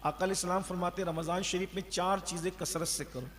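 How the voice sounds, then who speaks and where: A man delivers a sermon, his voice pitched high. He exhorts his listeners and asks rhetorical questions. The sound rings with long reverb, as in a large hall. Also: steady tone, a bit bright. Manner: exhorting, rhetorical questions, chants the creed slowly. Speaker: preacher. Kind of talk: Ramadan sermon.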